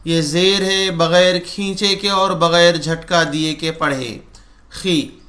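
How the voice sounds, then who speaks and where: Male Quran reading teacher, high voice, patient and very slow. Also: fairly even intonation, bright, forceful tone. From India. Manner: patient, repeats each letter sound slowly. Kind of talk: slow Quran reading lesson with letter sounds.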